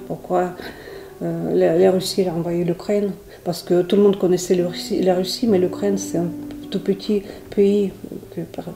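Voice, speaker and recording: A middle-aged Ukrainian volunteer with a Ukrainian accent earnestly answers interview questions, restarting often. Her voice is fairly low and creaky, and the room is echoey with music underneath.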